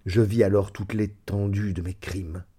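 A man narrating a story aloud as an audiobook in a measured, even way. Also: lowish voice, slightly rough. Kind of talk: audiobook reading.

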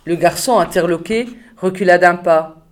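A woman reading a novel aloud in a steady, measured way. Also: fairly low pitch. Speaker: reader of a novel.

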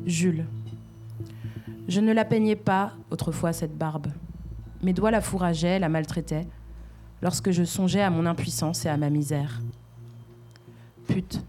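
A woman giving a measured literary reading, built on a repeating refrain. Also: lowish voice.

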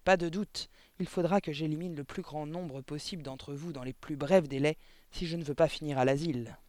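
A man's voice: on the high side, brisk, no room sound, lightly acted. Man putting on a barking tyrannical headmistress. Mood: furious. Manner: barking, contemptuous shouting. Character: huge furious tyrannical headmistress barking at children.

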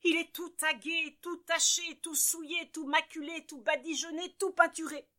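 A woman voicing Madame Propre, a fussy, houseproud wife in a children's tale, raised and shrill with theatrical fussing. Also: fairly even intonation, moderate pace, sharp tone. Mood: outraged.

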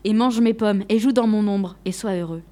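A woman voicing a gentle, loving apple tree in a storybook reading. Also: medium pitch, moderate pace, close to an everyday voice. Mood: tender.

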